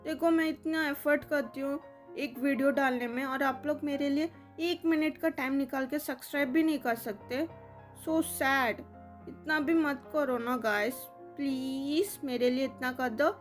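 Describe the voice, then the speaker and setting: Chatty high-voiced woman host. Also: moderate pace, soft background music. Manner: chatty, coaxing. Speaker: storyteller, channel host. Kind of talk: casual chat to viewers.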